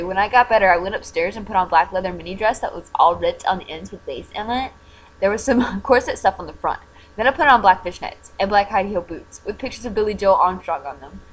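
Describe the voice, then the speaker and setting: A woman's voice: mid-range voice, low-quality recording. A young woman reading fan fiction aloud for laughs, mocking it sarcastically as she goes. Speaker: reader.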